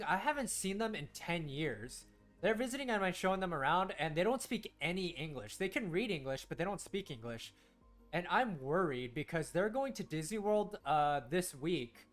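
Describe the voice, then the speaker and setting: A slightly high-voiced young man, a Korean native speaker raised in the United States, streams a game and chats casually with his viewers. He rambles and keeps restarting his sentences as he talks to chat.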